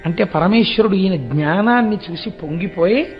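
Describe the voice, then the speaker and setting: A man's voice: high-pitched, lively intonation, moderate pace. A man giving a devotional discourse, telling stories and acting out the dialogue of their figures. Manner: storytelling, acting out quoted dialogue. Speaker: religious discourse speaker. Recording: dull lo-fi audio with faint music.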